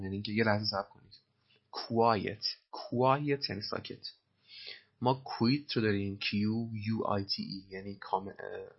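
A man's voice: lowish voice, breathy edge, lo-fi sound. A man teaching English by explaining film lines, patiently repeating words and spelling them out.

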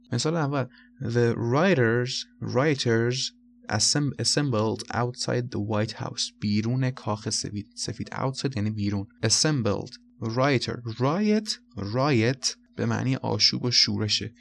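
A man teaching English vocabulary, explaining each word and spelling letters aloud, often repeating words slowly. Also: fairly low pitch, gravelly. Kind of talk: spoken vocabulary lesson.

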